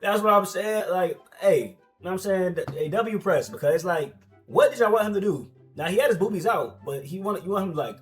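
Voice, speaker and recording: A young American man reacts to online posts in a slightly high voice, talking very quickly. His delivery is casual and slangy, argumentative and repetitive, as he keeps pressing his point. Music plays behind him. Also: lively intonation. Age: young adult. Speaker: commentator reacting to social media posts.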